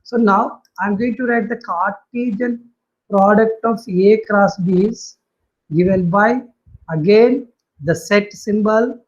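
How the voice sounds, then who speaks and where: A woman's voice: medium pitch, takes it slowly, darkish tone. A woman with an Indian accent teaching a maths lesson, dictating notation piece by piece and repeating her phrases. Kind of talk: maths lesson explained aloud to students. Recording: dull lo-fi audio.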